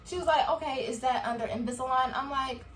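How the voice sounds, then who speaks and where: Young woman vlogging, kinda high voice, super chatty, laughs a lot, acts out convos. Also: fast, soft background music. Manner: chatty and animated, laughs often, acts out quoted dialogue. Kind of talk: casual review chat to camera.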